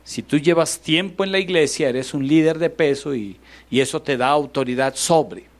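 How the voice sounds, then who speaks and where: A man, a pastor with a Bogotá Colombian accent, preaching a sermon with passion that swings between loud exclamations and hushed reflection. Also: on the high side, moderate pace.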